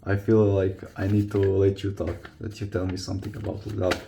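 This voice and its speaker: A young adult from Croatia, both vlogger and football player, talks fairly quickly in a low, creaky, warm voice, entirely flat in delivery, with slight hiss or hum present. His casual confessional chat to camera is in accented non-native English, hesitant as he seeks words.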